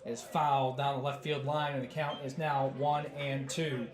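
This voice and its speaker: A man doing baseball play-by-play who is losing his voice, with calm measured calls that rise on big plays. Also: mid-range voice, reverberant, crowd noise. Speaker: play-by-play announcer.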